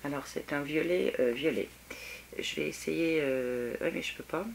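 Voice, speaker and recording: A woman's voice: low-pitched, normal speed, creaky, slight background noise. Chatty French woman reviewing makeup. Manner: chatty, hesitant, many filler sounds; enthusiastic about products. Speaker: beauty vlogger. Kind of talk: casual product review to camera.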